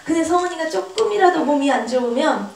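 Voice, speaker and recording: A woman, a pastor's wife, preaching a sermon at a church seminar with earnest emphasis, acting out quoted voices with sudden high pitch jumps. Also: lively intonation, fast talker, darkish tone, slight background noise. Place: church hall. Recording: echoey church hall, voice from far off.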